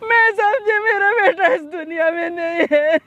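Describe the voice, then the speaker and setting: A woman acting as a middle-aged mother in a drama skit, crying as she keeps repeating her questions to her son. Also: high-pitched. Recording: dull lo-fi sound.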